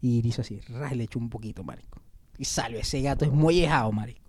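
Fast-talking Venezuelan man, slangy storyteller. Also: slightly rough. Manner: slangy, often trails off low and quiet. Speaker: podcast co-host. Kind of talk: casual storytelling among friends.

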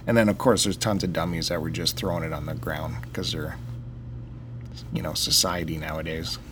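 A man's voice: rumbling low, fairly even intonation, normal speed. A man co-hosting a podcast in casual banter with a teasing, needling manner, talking over a laptop fan. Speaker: podcast co-host. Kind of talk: casual banter between friends. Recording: loud laptop fan hum behind voice. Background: loud computer fan.

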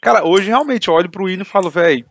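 A man's voice: sits high, animated, fast talker, fairly bright tone. A man in casual podcast chat, talking in a heated, indignant way and filling his speech with slang.

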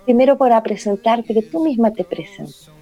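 A woman's voice: a little high, lively intonation, muffled recording, soft background music. Effusive woman hosting a radio show. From Chile. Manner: effusive, slow and affectionate. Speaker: radio host. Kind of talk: warm spiritual radio talk show.

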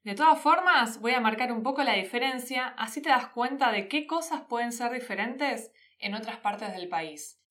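Woman, Rioplatense Argentine accent, somewhat high voice, casual podcast teacher, slangy and informal. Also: lively intonation, moderate pace, hardly any pauses, fairly bright tone. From Argentina, Buenos Aires province. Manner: casual, addresses listener with vos and slang. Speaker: podcast host teaching Spanish. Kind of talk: friendly explanatory podcast talk.

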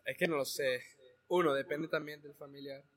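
A man's voice: a little high, steady tone, normal speed, a bit bright. A young man in casual chat who jokes and laughs a lot and trips over his own words.

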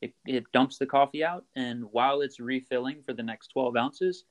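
A man's voice: medium pitch, moderate pace. Man explaining his work casually. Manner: explains steps plainly, frequent fillers and restarts. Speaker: coffee roaster, guest. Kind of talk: casual interview chat.

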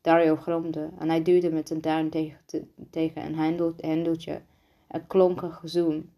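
Slow, halting woman reading a children's book. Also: low-pitched, monotone, warm tone. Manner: halting, frequent restarts and slips. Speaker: reader.

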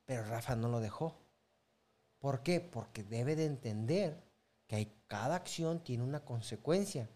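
A man's voice: medium pitch, expressive, measured pace, warm tone. A man with a Mexican accent in casual chat, explaining how he disciplines his son. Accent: Mexican Spanish. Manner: lecturing tone about consequences. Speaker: father.

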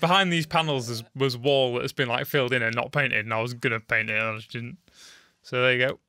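Bright-voiced lad. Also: male voice, mid-range voice, steady tone, quick pace, no room sound, clean studio sound. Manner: laughing, teasing banter. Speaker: podcast host. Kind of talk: casual chat. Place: home room with a cat. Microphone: studio mic with pop shield.

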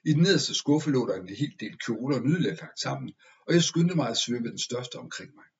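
A man narrates a first-person tale in a measured, expressive manner. His voice sits at an ordinary middle pitch. The recording sounds a little dull and lo-fi. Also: vocal fry. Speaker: audiobook narrator. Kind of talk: scripted story narration.

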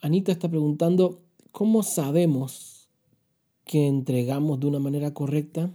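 A man's voice: on the high side, steady tone, normal speed, warm tone. A man preaching on a podcast, earnest and confessional, posing rhetorical questions and answering listener questions.

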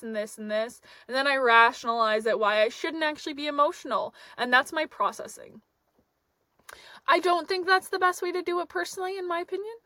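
A woman's voice: on the high side, fairly bright tone, no echo. A young woman vlogger talking candidly and reflectively about her feelings, laughing often as she speaks. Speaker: van life vlogger. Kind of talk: candid personal talk to camera.

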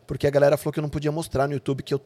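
A man's voice: fairly high pitch, monotone, very fast, mellow. A Brazilian man hosting a casual podcast, asking questions in a loose, joking way full of slang. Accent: Brazilian Portuguese. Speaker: podcast host. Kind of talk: casual chat.

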